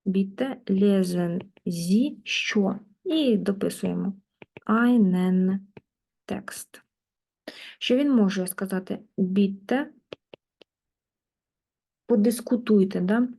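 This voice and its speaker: A woman teaching German in a lesson, patiently working through exercises and repeating words slowly. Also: mid-range voice, creaky, dark tone. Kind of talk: online language lesson, explaining in Ukrainian.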